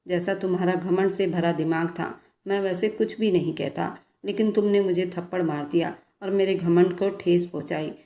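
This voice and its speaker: A cruel, possessive young man who taunts in a level, menacing tone, as a woman reader puts him on. The voice sits low, dark and mellow, with little rise or fall. A roomy echo hangs around it. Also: natural voice. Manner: menacing, mocking, flat delivery. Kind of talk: storybook narration.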